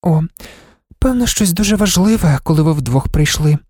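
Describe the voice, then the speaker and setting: A woman voicing a proud, self-assured young daughter who talks things through coolly and calmly. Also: lowish voice, normal speed, slightly rough, no room sound, clean studio sound, pitched above the performer's own voice. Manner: cool, composed, reasoning calmly.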